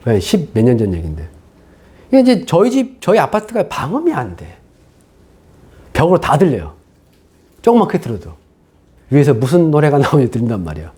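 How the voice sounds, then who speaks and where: A man's voice: mid-range voice, mellow, breathy edge. A man preaching a sermon as pastor, casual and conversational, firing rhetorical questions at the congregation.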